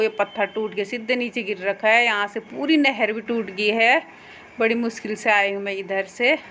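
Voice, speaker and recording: A woman's voice: mid-range voice, a bit bright, a little hiss or hum. A young woman narrating a casual outdoor vlog into her phone, chatty and pointing things out as she walks by a mountain stream and fields. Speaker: vlogger.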